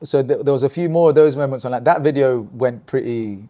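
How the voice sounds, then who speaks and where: A man with a mellow, dark voice recounts old dance battles in a relaxed interview. He talks in bursts and restarts, often says "you know" and "right?", and sometimes acts out lines from the story in a higher, louder voice. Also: a little fast. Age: adult, looking back on youth. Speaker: guest, breakdancer.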